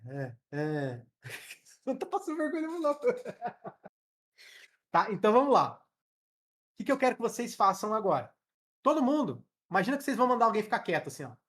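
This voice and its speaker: A young man with a Brazilian Portuguese accent teaching a live online English class over his webcam. He demonstrates sounds out loud and keeps checking in with his students. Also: high voice.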